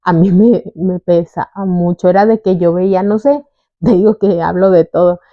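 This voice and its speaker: A woman's voice: fairly low pitch, normal speed, no room sound, highs cut off. A young adult woman, telling her own story in an interview and acting out the voices of people she quotes. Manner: animated, acts out quoted voices. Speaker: guest sharing her testimony. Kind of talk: conversational testimony.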